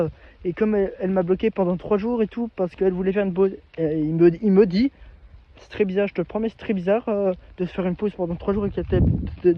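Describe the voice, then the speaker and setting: Male vlogger, high voice, halting casual storytelling, muffled lo-fi sound. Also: a little hiss or hum. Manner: hesitant, halting, many restarts. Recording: dull lo-fi recording.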